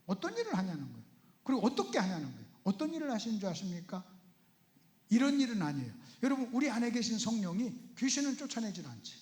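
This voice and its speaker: Pastor guy preaching in a church, really high voice, lots of rhetorical questions, echoey room. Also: huge pitch swings, fast, darkish tone. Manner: asks the audience rhetorical questions. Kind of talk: Bible seminar sermon. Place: church sanctuary. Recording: roomy church echo.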